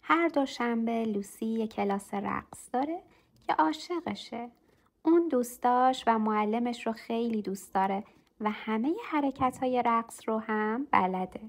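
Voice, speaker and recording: Gentle woman reading a children's story. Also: on the high side. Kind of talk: scripted children's story narration.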